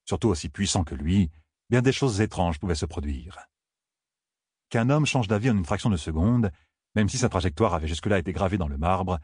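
A man narrating a fantasy audiobook in a steady, even reading. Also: deep voice, husky, no room sound, studio quality.

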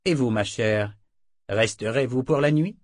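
A man's voice: mid-range voice, a little slow, no room sound, clean studio sound, lightly acted. A man voicing an arrogant, cold older brother who serves as first counselor, speaking haughtily. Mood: haughty. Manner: haughty and icy.

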